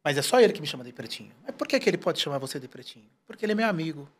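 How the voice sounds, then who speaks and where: A man's voice: on the high side, very fast, a crowd in the background. A man in his forties, a guest in a casual interview, telling stories and quoting people in short put-on voices. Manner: animated, storytelling, quotes people in put-on voices.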